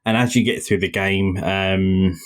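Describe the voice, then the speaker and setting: A man's voice: deep voice, steady tone, a little slow, clean tone. A man, co-hosting a casual podcast and reviewing an indie game in a jokey, rambling way with many fillers. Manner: jokey, playful, lots of fillers and restarts.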